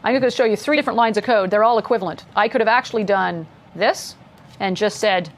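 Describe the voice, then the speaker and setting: A woman's voice: medium pitch, fast talker. A woman co-teaching a live coding lesson, chatty and upbeat as she explains while typing. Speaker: course instructor.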